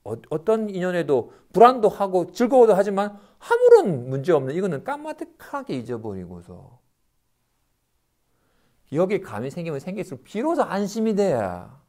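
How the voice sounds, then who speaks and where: Animated Buddhist monk giving a lecture. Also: male voice, high voice. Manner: animated, acts out everyday complaints in quick asides. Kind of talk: dharma lecture.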